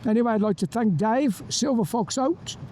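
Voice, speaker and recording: A man's voice: very high voice, animated, normal speed, warm tone. A man talking through a motorbike helmet intercom mic as he rides, giving a chatty, enthusiastic commentary on the bike. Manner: chatty, enthusiastic, talks while riding. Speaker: motorcycle reviewer. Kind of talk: ride-along bike review commentary. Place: on a motorbike on open roads, outdoors. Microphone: motorbike helmet intercom mic while riding. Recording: helmet mic with faint road noise. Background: wind and engine noise.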